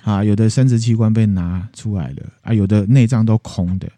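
Low dark-voiced male storyteller. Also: brisk, no echo. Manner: animated, playful retelling with acted voices. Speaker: podcast host. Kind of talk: casual storytelling chat.

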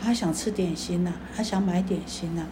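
A woman giving a Buddhist sermon, telling a story in a rambling way with many fillers and drawn-out sentence endings. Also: lowish voice, noisy background. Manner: repetitive, filler-heavy, drawn-out particles. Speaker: Buddhist dharma teacher.

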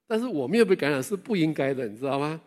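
Older pastor telling lively stories. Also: male voice, fairly high pitch, racing. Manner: animated storytelling with self-deprecating humor; chatty, asks the listeners questions. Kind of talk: sermon with personal stories.

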